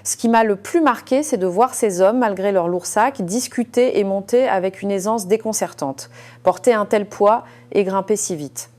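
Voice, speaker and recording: A woman reading a first-person story aloud in a calm, scripted way, with frequent small hesitations. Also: medium pitch, normal speed. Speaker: narrator.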